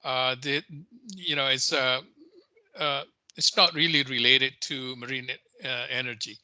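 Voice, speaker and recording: A man speaking on a video call, halting and hesitant with constant "uh" pauses. His voice is very bright and sharp, and the sound is dry and close. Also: medium pitch, steady tone, no echo. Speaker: university professor. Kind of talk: casual self-introduction on a call.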